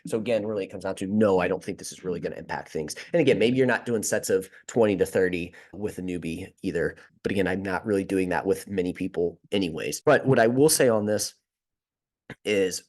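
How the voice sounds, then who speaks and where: Man, podcast host, very low voice, rapid delivery, rambling solo Q&A, repeats and restarts. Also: darkish tone. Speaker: podcast host answering listener questions.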